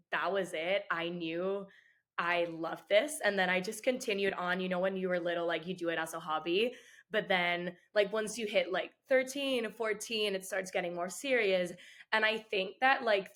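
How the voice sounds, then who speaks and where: A woman's voice: fairly low pitch, steady tone, normal speed. A woman in her twenties from Puerto Rico, a dancer answering interview questions in a chatty way, with frequent "like" fillers. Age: 20s. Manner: chatty, many "like" fillers, soft-spoken. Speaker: guest, dancer.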